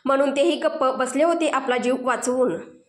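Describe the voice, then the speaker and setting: High-voiced dramatic woman storyteller. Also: normal speed. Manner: intense, dramatic, emphatic. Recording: roomy echo.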